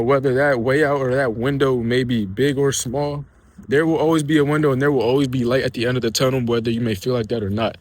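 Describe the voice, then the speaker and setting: A man's voice: mid-range voice, no room sound. Young male trading vlogger, easygoing and encouraging, mid-range voice. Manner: laid-back, repetitive, slangy and encouraging. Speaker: day trading video creator. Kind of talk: casual motivational talk to camera.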